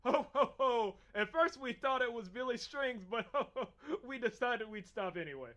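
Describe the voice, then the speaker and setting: Casting: male actor as brash jolly Santa, high and forceful, hearty holiday comedy sketch. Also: lively intonation, normal speed. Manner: booming, hearty ho-ho-ho delivery.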